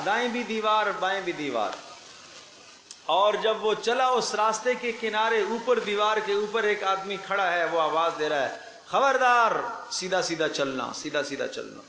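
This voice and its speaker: A man's voice: on the high side, a bit bright, roomy sound, a little hiss or hum, rough recording. A man giving a sermon of Quran commentary, telling vivid parables, acting out the people in his stories and repeating phrases for emphasis.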